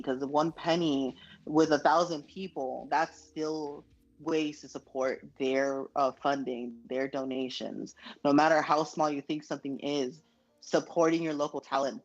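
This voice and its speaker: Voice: mid-range voice, highs cut off. A guest poet from the United States talking earnestly in a casual interview, with many fillers and restarts.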